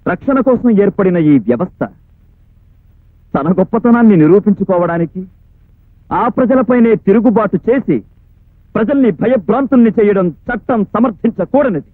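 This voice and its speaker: An actor playing a formal, probing prosecutor in a film courtroom scene. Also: male voice, sits high, normal speed, dry recording. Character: stern adult male prosecutor questioning a witness. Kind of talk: 1980s film courtroom drama. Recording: dry tinny lo-fi film soundtrack.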